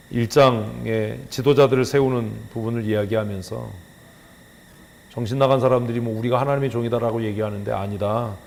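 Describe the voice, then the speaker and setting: A man preaching a sermon as pastor, firing rhetorical questions at the congregation and swinging from loud scolding to hushed emphasis. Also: lowish voice, gravelly, a little hiss or hum. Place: church sanctuary. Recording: long church hall reverb.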